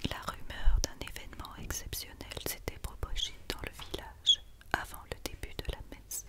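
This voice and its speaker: Whispering the whole way through, a woman reads a storybook ASMR-style, breathy and unvoiced with no full tone. She keeps it hushed and quiet at a moderate pace, fit for night-time listening.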